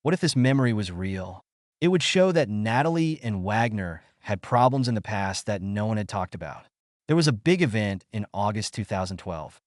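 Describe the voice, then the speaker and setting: A man narrates a scripted documentary with a measured storytelling pace. His mid-pitched voice moves up and down with plenty of lift. The sound is close and dry, with no room around it. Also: no room sound.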